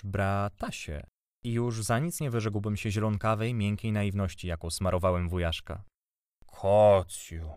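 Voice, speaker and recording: A man reading a literary audiobook in an expressive, measured storytelling way. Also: fairly low pitch, dry recording, clean studio sound. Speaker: audiobook narrator.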